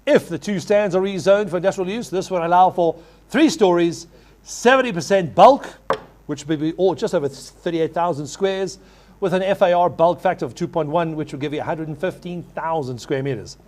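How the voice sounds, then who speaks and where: A man's voice: sits high, a little mellow. A man working as an auctioneer, calling a live property auction with courteous address and repeated figures. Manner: repeats figures in rapid chant when taking bids.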